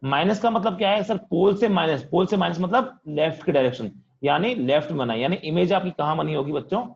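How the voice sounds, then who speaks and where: A physics teacher speaking, leading an online class in a loud voice that he says is straining from all the shouting. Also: on the high side, brisk, creaky, highs cut off. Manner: talks loudly to students, says he is shouting. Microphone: computer mic on video call.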